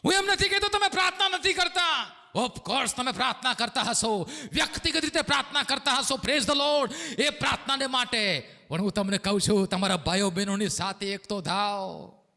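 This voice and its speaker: A male pastor preaching a sermon, swinging between shouted lines and hushed low ones. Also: moderate pace, big-room sound.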